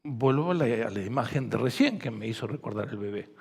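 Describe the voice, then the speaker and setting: Pastor, male, Rioplatense accent, husky gravelly voice, gentle sermon that builds to fervent preaching, long hall reverb. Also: mid-range voice, lively intonation, fairly quick. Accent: Rioplatense Spanish. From Argentina. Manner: gentle and soft, rising to loud fervent preaching. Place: church hall.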